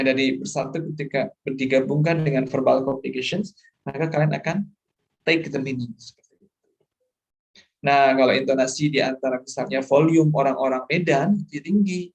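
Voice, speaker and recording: A middle-aged male lecturer, explaining course material and often checking that students follow, mixing English terms into his talk. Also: mid-range voice. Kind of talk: online lecture.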